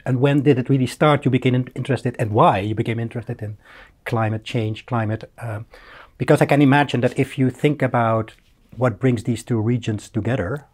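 Middle-aged man, interviewer, halting, lots of uh and um, quiet office lounge. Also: medium pitch, breathy edge. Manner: hesitant, many fillers and restarts. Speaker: interviewer, historian. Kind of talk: academic conversation. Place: bright office lounge with shuttered windows.

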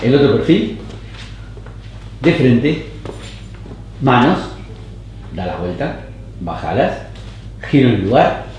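A man directing actors on a casting tape with short, calm, even commands. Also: mid-range voice, slow, pauses often, dull audio, slight background noise. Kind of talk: giving short camera directions. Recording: roomy echoey studio.

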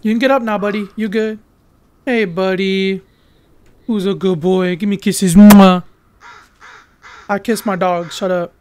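A man doing casual, loud, joking let's-play commentary as a gaming YouTuber, swearing freely. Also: high-pitched, steady tone, normal speed, slight background noise.

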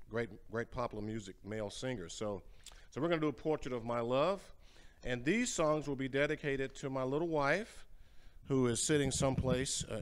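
A man's voice: medium pitch, clear, resonant tone. An older man hosting a home music show, chatting casually between songs with many fillers and repeated words, filmed from across a large indoor entryway. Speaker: show host and singer. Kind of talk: casual spoken introductions between sung ballads. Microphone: far camera, standing at a music stand.

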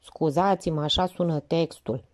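A woman's voice: deep voice, darkish tone, close to an everyday voice. Woman reading as a flustered young lieutenant. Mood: hesitant.

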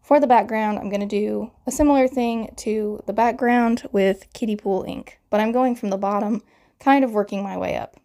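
A woman's voice: mid-range voice, moderate pace, mellow. A woman in her thirties with a crackly morning voice, chattily narrating a card-making tutorial voiceover and explaining each step.

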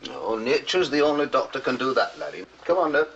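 An actor playing a brusque, stern country vet with a curt, dismissive manner. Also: male voice, a little high, lively intonation, brisk, gravelly, fairly bright tone. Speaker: veterinarian. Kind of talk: 1960s film dialogue. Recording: dull old film soundtrack with hiss.

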